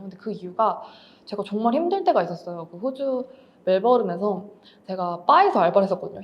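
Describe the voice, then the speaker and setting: Fast-talking woman, mellow voice. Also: medium pitch. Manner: candid, reflective, explains with everyday examples. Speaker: author and writing teacher. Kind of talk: lecture talk.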